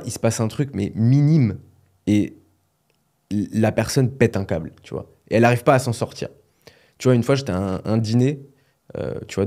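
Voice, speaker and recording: Mellow-voiced man telling stories. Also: fairly low pitch. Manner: chatty storyteller, frequent "tu vois". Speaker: podcast co-host. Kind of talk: casual podcast chat.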